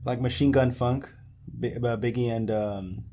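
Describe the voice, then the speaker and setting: A man's voice: mid-range voice, fairly even intonation, a little slow, mellow, a little hiss or hum. A young man co-hosting a podcast in casual chat, joking, swearing and chanting bits of lyrics. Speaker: podcast co-host.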